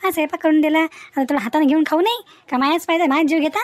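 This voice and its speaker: Here a woman plays a talkative, sharp-tongued village housewife for a comic cartoon, scolding in a rural Maharashtrian Varhadi accent. Her voice sits high and comes out rapid-fire, emphatic and gossipy, close to an everyday voice, with no echo.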